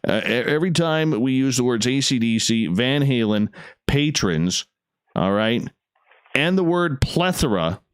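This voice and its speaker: A man with a smooth, resonant voice hosts casual late-night talk radio. He is effusive and emphatic, repeating phrases for effect, and recorded close and dry. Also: medium pitch, expressive, a little slow, no echo. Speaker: radio show host.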